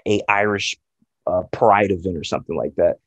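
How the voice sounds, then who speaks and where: A man who runs a video channel, talking reflectively and explaining himself in an earnest, halting way. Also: low voice, husky, no echo, lo-fi sound. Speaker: video channel creator and interviewer. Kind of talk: reflective interview talk.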